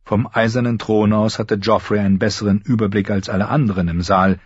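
A man narrating a fantasy audiobook in a measured storytelling manner, in a slightly muffled recording. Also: fairly low pitch, steady tone, husky, no room sound. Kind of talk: scripted narration.

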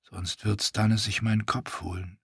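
A man doing a quiet, brooding young commander. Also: lowish voice, level tone, normal speed, breathy edge, no room sound, clean studio sound, heavily acted. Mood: worried. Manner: quiet, inward.

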